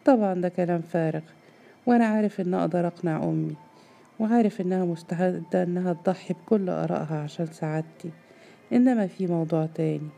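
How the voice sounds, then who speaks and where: A calm young man, earnest and soft-spoken, choosing his words with care, as a woman reads him aloud. His tone is dark and a little gravelly. He sounds apologetic and patient. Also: lowish voice, soft background music. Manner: gentle, apologetic, measured.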